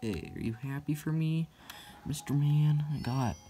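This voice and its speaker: A woman's voice: deep voice, measured pace, a little hiss or hum. A woman giving casual, informal let's play commentary, muttering reactions as she plays a video game. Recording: loud game music over the voice.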